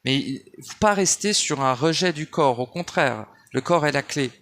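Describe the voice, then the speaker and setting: This spiritual speaker's voice is on the high side, expressive and fairly bright, at a moderate pace. Rambling at home through a digressive monologue full of restarts and fillers, he calls the listener "tu," captured on a handheld phone or basic mic.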